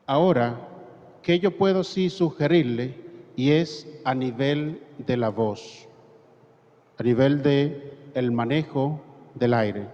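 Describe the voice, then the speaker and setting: A man's voice: medium pitch, takes it slowly, pauses often. A man with a Dominican accent leading a parish training class, explaining points and asking rhetorical questions. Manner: didactic, poses rhetorical questions and demonstrates. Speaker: course facilitator. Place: parish hall. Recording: reverberant hall, dull lo-fi sound.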